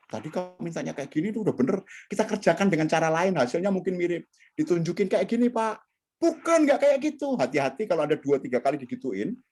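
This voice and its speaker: A man teaching communication skills in an online training session, talking straight to his audience over a video call. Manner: animated, swings pitch widely, addresses audience directly.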